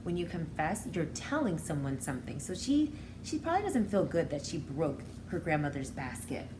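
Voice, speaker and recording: Low-voiced and sing-song at a normal speed, a woman in her thirties reads a picture book aloud as a teacher, expressive and explaining things for young children. The recording, made in a small indoor room, has roomy echo and faint background noise.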